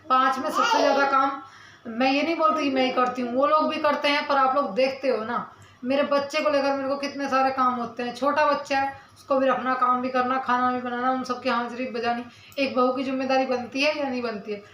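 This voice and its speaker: High-voiced woman vlogger, echoey room. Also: fairly even intonation, a little fast, a bit bright, a little hiss or hum. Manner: earnest, defensive, asks viewers questions. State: mouth pain while speaking. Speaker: village vlogger. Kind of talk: talking to camera, answering comments.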